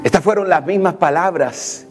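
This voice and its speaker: A man's voice: sits high, normal speed, over music. A man preaching a sermon with fervor, building up through strings of repeated declarations.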